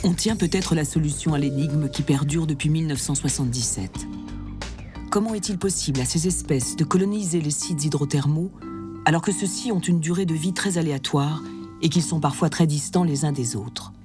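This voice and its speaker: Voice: medium pitch, a little fast. Nature documentary narrator over prominent music. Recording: music behind the voice.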